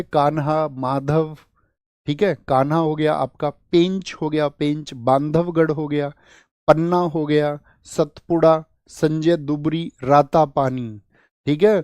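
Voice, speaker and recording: A man's voice: a little high, a little mellow, no room sound, studio quality. A man teaching a general-knowledge exam class, talking with energy and repeating questions for his students to answer. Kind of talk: exam coaching lecture.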